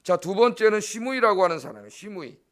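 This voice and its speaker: A man's voice: sits high, very animated, quick pace. A middle-aged man, a pastor preaching a dawn service sermon in an emphatic, blunt way, often checking in with the congregation. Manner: blunt, scolding asides.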